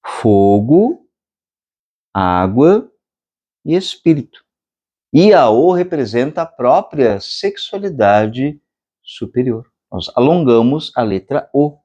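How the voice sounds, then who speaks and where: A Brazilian man teaches meditation in a slow, measured lecture. His pitch swings widely from phrase to phrase, lifting and dropping as he explains. Now and then he chants long, drawn-out vowels. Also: very animated, dark tone, lo-fi sound. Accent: Brazilian Portuguese. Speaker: meditation instructor. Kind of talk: spiritual lecture.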